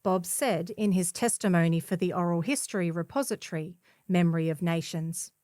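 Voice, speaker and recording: A woman with a lowish, mellow voice reads a scripted feature article at normal speed. She is a volunteer narrator for a community newspaper, and the recording is dry with clean studio sound.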